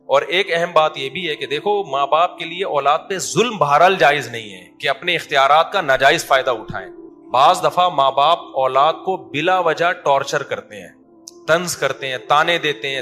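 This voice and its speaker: A male preacher delivers a lively sermon, acting out voices in his anecdotes. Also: fairly high pitch.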